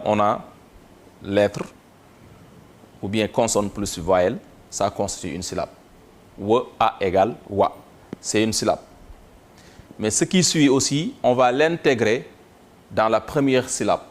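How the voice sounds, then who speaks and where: Slow, low-voiced man teaching syllables. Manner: spells out syllables slowly and repeats them. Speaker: Quran reading teacher. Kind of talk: slow step-by-step reading lesson.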